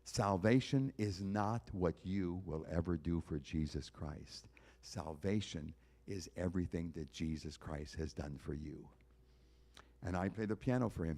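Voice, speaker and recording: A man's voice: on the low side, warm tone. A man, a concert pianist, giving an emphatic evangelistic talk at a church concert, appealing directly to his listeners with repeated phrases.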